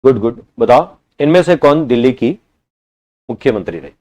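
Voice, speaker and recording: Teaching an online exam-prep session, this man quizzes his students, repeats every answer back, and occasionally chides them for answering slowly. His mid-range voice is expressive and a little mellow.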